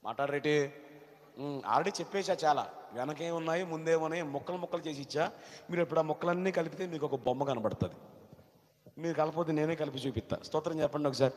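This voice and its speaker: Male pastor, fairly high voice, long reverberant church hall; call-and-response sermon, numbered points, loud climaxes and quiet asides. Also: fast talker. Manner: call-and-response preaching, urging the congregation to answer loudly; breaks scripture into numbered points.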